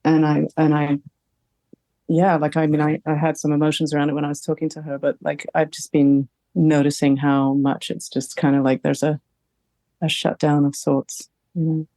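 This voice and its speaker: A woman talks through her feelings in a therapy session over a video call, halting and unsure, stopping often to find the right word. Her voice is soft and mellow. The sound is dry and close. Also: sits low, little pitch movement, no echo. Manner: hesitant, halting, searching for words. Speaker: therapy client. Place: home.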